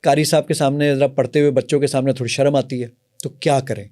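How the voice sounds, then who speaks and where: A man's voice: mid-range voice, level tone, dark tone. A middle-aged man from Pakistan, an app founder, eagerly explaining and demonstrating his work in an interview. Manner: eager, explanatory, often agreeing emphatically. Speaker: app founder and software company owner.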